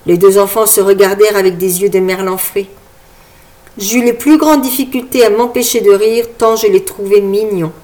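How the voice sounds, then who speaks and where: Woman reading a novel aloud in first person, steady smooth storytelling, audiobook vibe. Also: mid-range voice, moderate pace. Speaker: audiobook narrator.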